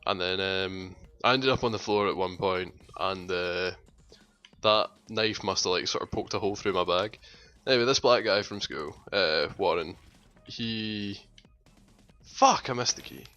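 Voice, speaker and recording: Give me a Scottish man with a low, forceful voice on a dull lo-fi mic, teasing dryly in casual gaming chat. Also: a little slow, clear, resonant tone, soft background music. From Scotland. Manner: teasing, dry and sweary. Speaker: gaming channel co-host.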